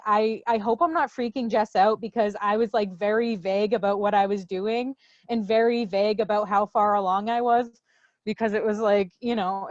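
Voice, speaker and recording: A woman with a slightly high voice gushes about the show. The call audio is dull and dry, with no room sound. She talks quickly and is full of emotion. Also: no room sound. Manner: quick, gushing, emotional, many fillers. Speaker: exhibiting artist. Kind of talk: casual heartfelt remarks on a video call. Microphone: video call.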